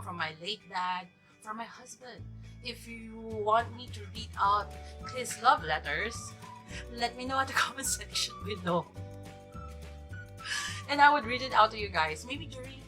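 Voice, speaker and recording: Chatty woman in her forties. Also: mid-range voice. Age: 40s. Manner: chatty and rambling, upbeat. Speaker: vlogger and teacher. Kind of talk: casual vlog chat to camera. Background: background music.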